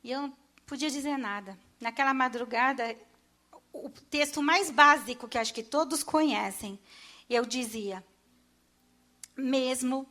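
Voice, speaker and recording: A middle-aged woman from Brazil speaks in a fairly high voice as she gives her testimony to a church congregation. Her telling is emotional and halting, full of restarts and pauses as she relives the moments. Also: bright, forceful tone. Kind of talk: personal testimony.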